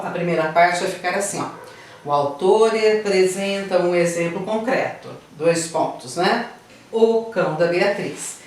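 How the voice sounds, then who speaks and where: A woman's voice: mid-range voice, distant mic, a little hiss or hum. A woman teacher with a Brazilian Portuguese accent giving a grammar lesson, explaining patiently step by step and checking in with her students. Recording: very echoey room, voice from afar.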